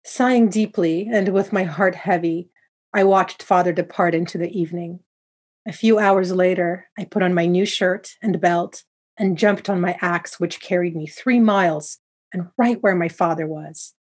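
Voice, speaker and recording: A woman narrating a first-person folktale in a steady, descriptive way. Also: lowish voice, moderate pace, slightly rough. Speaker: storyteller.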